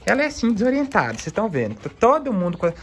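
A man's voice: high-pitched, wildly swooping pitch, rapid-fire, a little hiss or hum. A man with a Brazilian accent vlogging casually with his dogs, chatting to viewers and cooing affectionately at his pets. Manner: chatty, laughs often while talking to viewers. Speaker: pet vlogger.

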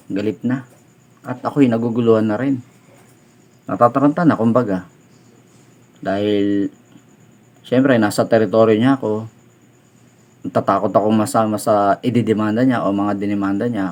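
A man's voice: on the low side, darkish tone. A middle-aged man, a tricycle driver, telling an upsetting personal story in an earnest, shaken way, at times dropping to a near-whisper.

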